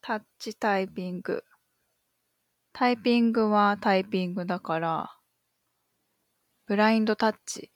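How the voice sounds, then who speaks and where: A woman's voice: mid-range voice, steady tone, moderate pace, long pauses, dry recording, studio quality. A woman co-hosting a casual podcast, guessing answers aloud and agreeing often in short affirmations. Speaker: podcast co-host answering quiz.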